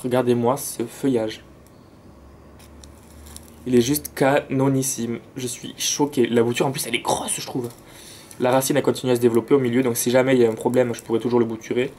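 A man's voice: medium pitch, level tone, fairly quick, a little mellow, a little hiss or hum. A man with a southern French accent chatting enthusiastically about his plants outdoors, with slangy asides. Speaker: plant vlogger. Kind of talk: casual chat. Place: outdoors near a road with cars and planes.

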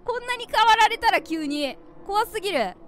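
A young woman playing a horror game, her voice high and bright as it jumps all over. She talks to her viewers in animated, jumpy reactions, on a desk mic with a faint hiss behind her. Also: moderate pace. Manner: animated, jumpy, refers to herself by name. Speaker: game streamer. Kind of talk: horror game let's play commentary.

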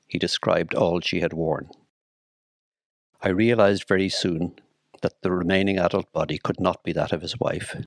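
A man with an Irish accent narrating a memoir in a measured, solemn, deliberate way. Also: low voice, vocal fry, no echo. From Ireland. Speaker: storyteller recalling his work at the city morgue.

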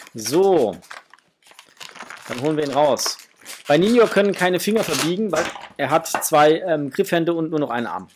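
In a small room at home, a toy review channel host chats informally and enthusiastically through a casual unboxing review. His voice sits on the high side, with background noise in the recording.

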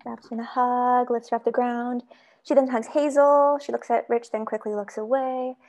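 A woman's voice: fairly high pitch, level tone, moderate pace, a little mellow, muffled recording. A woman reading stage directions aloud in a matter-of-fact way during a script read-through.

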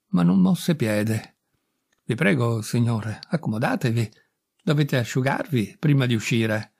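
A man calmly narrating a literary story as an audiobook reader, in a measured, mildly ironic manner. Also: a little high, creaky, no room sound, studio quality.

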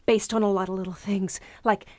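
In an audio drama, a woman plays an anxious, suspicious young wife on her honeymoon, sounding frightened, hesitant and insistent. Her natural, medium-pitched voice is flat in delivery and a little fast, recorded without echo.

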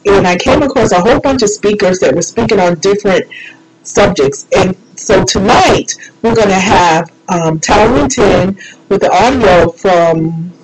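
Speaking at a medium pitch, this female radio host runs a solo show full of informal, folksy, meandering chatter. Loud background music makes the clip very noisy.

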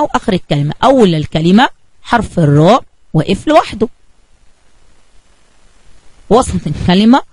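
Animated Egyptian woman telling a lesson story. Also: mid-range voice, no echo, poor audio. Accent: Egyptian Arabic. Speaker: kindergarten teacher. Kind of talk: children's lesson narration.

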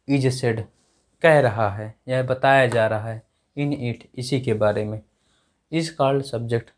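Young male tutor, very slow, repeats each phrase while writing on the board, mid-pitched, room mic at a distance. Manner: slow and repetitive, dictating words while writing; addresses students as dear children. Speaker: English grammar teacher. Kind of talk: whiteboard lesson in Hindi. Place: small classroom at a whiteboard.

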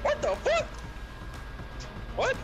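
High-pitched exasperated young male gamer. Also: huge pitch swings, slow, music in the background. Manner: exasperated, complaining, heavy swearing. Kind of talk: casual gaming trash talk with a friend.

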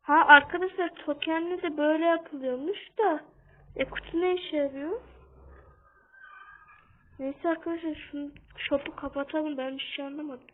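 High-voiced gamer on a tinny line. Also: female voice, steady tone, normal speed, slight background noise. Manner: talks a bit loudly on purpose, keeps calling out to viewers. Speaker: gaming channel host. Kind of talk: casual gameplay commentary. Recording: tinny phone-like sound.

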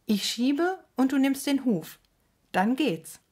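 A woman's voice: sits high, sing-song, slow pace, darkish tone, voice pushed up, heavily acted. A woman reading aloud, voicing a curious, proud young boy in a storybook. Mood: friendly. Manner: earnest, indignant when challenged.

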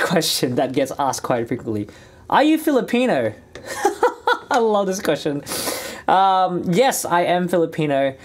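Upbeat young Australian man, chatty vlog. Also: mid-range voice. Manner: chatty, upbeat, gestures a lot with hands. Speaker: musician and vlogger. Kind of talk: casual direct-to-camera vlog. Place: small indoor music studio.

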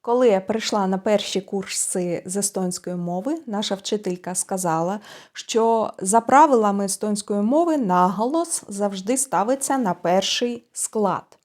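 A woman with a Ukrainian accent hosting her own channel, explaining a language point in a casual lesson and pausing now and then with fillers to think. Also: mid-range voice, darkish tone. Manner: thoughtful, pauses with fillers while explaining. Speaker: channel host explaining Estonian stress.

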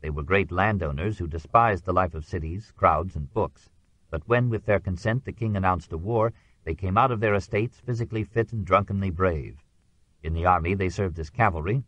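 A man narrating a history audiobook in a measured, even reading. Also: low-pitched, no room sound, muffled recording.

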